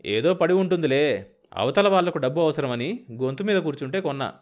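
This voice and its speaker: A man's voice: a little high, expressive, a little fast, pitched above the performer's own voice, lightly acted. A man voicing a shrewd, stubborn middle-aged village farmer who talks bluntly and pushes hard. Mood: evasive. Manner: blunt, pushy and insistent.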